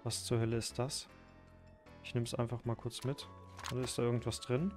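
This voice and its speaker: A man commenting on his own survival gameplay, thinking aloud, swearing and breaking into sudden loud outbursts. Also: mid-range voice, flat delivery, moderate pace, over music. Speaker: gaming YouTuber.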